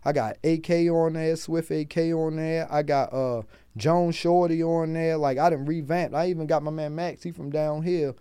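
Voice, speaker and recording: A man with a Baltimore accent tells a podcast host about his hustle in a loose, animated, profane voice. His voice sits a bit high. The sound is dry, close and clean, with no room around it. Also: moderate pace, few pauses, smooth, dry recording. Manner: streetwise, profane, animated storyteller. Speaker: guest, rapper and food truck owner. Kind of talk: casual podcast storytelling.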